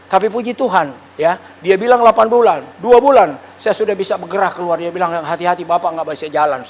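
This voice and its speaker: A middle-aged male pastor preaching a sermon and telling a personal testimony in an animated, exclamatory way, dropping suddenly into quiet asides. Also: high voice. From Indonesia. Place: church hall. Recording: reverberant church hall.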